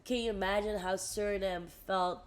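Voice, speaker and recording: A young woman from the Netherlands talks as an interview guest, chatting casually. She gets animated and laughs easily, and she often breaks off and restarts her sentences. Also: medium pitch, moderate pace. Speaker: guest actress.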